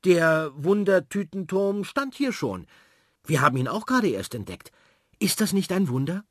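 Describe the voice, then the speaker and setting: A man voicing an eager, bossy little girl who speaks in an excited, insistent way. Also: sits high, normal speed, no room sound, clean studio sound, pitched above the performer's own voice, full character voice. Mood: defiant.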